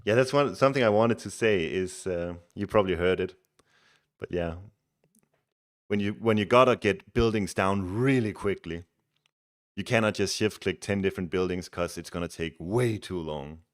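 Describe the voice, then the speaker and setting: Here a Danish-accented man from Denmark speaks in a low voice at normal speed. Relaxed and chatty, he coaches a game player and talks casually with his stream viewers, often starting words over.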